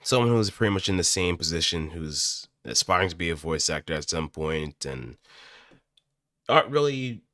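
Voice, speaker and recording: An aspiring amateur voice actor chats casually to viewers, thinking aloud in a hesitant, rambling way. His deep voice is lively in intonation, normal in speed and a bit bright. He's on a close studio microphone, dry with no echo.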